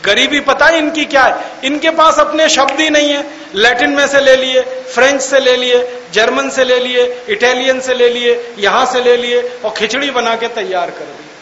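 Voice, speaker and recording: A man's voice: very high-pitched, fairly even intonation, moderate pace, pushed and bright, muffled recording. A man giving a mocking, argumentative public talk, full of rhetorical questions and words spelled out letter by letter. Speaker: public speaker. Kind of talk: lecture to an audience. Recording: echoey hall, faint hiss.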